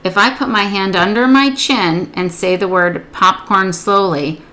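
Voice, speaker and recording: A woman literacy instructor explaining a spelling procedure step by step, patiently modeling words and sounds slowly. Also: mid-range voice, sharp tone.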